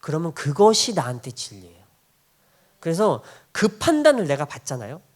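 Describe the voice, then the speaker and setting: A middle-aged male pastor delivers a sermon in a high-pitched voice that leaps up and down with lively intonation. He preaches in a conversational, animated way, firing rhetorical questions at the congregation and chuckling between points. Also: moderate pace.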